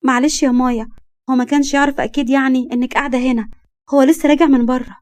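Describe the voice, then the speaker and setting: Woman doing an indulgent Egyptian mother, coaxing, gently scolding, dry sound. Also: sits high, fairly even intonation, rapid-fire, dry recording, voice pushed up, natural voice. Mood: soothing. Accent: Egyptian Arabic. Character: soothing middle-aged mother, indulgent.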